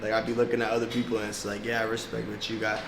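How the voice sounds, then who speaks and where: Talking very fast in a creaky, lowish voice with a completely flat delivery, a young South Florida man who first spoke Portuguese is interviewed as a music artist. He is laid-back and slangy and laughs a lot in this casual chat. Background noise and echo fill the room.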